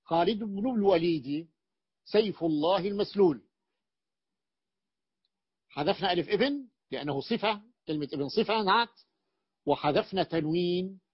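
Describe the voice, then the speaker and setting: A man teaching Arabic grammar as a sheikh, explaining slowly and repeating his points with fillers and restarts. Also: on the high side, lively intonation, breathy edge, dry recording, muffled recording. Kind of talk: classroom lecture.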